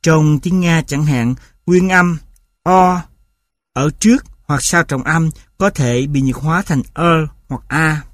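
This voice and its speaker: A man reading a linguistics textbook aloud in a measured, even audiobook style, reciting examples in clipped rhythmic beats. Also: fairly high pitch, dry recording, studio quality.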